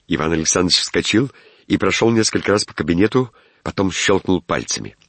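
A man narrating a classic story in a measured, expressive reading. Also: deep voice, slightly rough, no echo.

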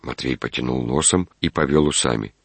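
A man narrating a classic story in a measured, expressive reading. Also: a bass voice, vocal fry, slightly rough, dry recording.

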